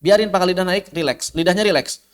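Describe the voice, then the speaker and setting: Guy giving a recitation lesson, kinda high voice, sounds out syllables slowly, asks himself questions then answers. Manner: demonstrates sounds by repeating drawn-out syllables; explains patiently, asking and answering his own questions. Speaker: tajwid teacher.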